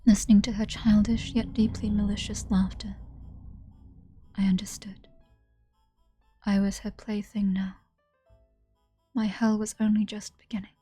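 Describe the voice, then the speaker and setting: A woman streamer softly reading a visual novel's first-person narration, often in a hushed voice. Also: mid-range voice, little pitch movement, measured pace, long pauses, breathy edge, faint music behind.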